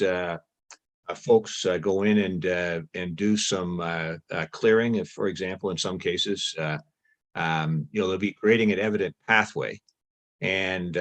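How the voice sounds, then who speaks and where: A male councillor asking a question at a council meeting, halting and deliberate with many pauses and fillers. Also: sits low, a bit bright.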